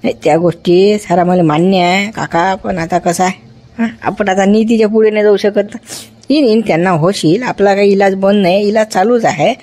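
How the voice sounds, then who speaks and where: A man's voice: sits high, fairly even intonation, brisk, a little mellow, lightly acted. A man playing a self-important hospital doctor in a comedy sketch, reassuring relatives and scolding staff. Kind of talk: village comedy sketch acting.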